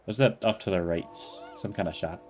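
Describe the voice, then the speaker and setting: A man's voice: sits low, normal speed, a little mellow, soft background music. A man giving casual, joking commentary while playing a game. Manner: joking, self-mocking asides. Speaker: gameplay streamer.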